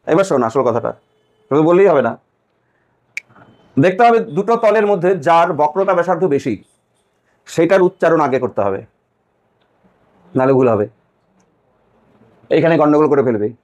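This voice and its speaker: High-voiced man teaching a class. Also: expressive, normal speed, long pauses, a little mellow. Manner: questioning, repeats key points to students. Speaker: physics teacher. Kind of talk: classroom lecture.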